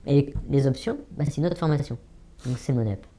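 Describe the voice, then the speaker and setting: Middle-aged guy telling his story in an interview, lots of euh, kinda dark mellow voice. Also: mid-range voice, a little fast. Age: 40s. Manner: hesitant, many fillers, repeats words for emphasis. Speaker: anonymous former trading student giving testimony. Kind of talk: interview testimony.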